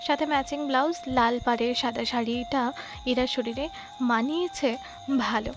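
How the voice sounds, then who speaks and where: High pitched lady telling a love story, calm and even. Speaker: story narrator. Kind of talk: scripted narration.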